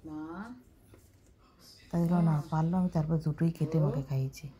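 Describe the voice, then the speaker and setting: A woman narrating a casual home vlog as a caregiver, talking in a soft, coaxing way. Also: low-pitched, steady tone, a little fast, a crowd in the background. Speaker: caregiver vlogger.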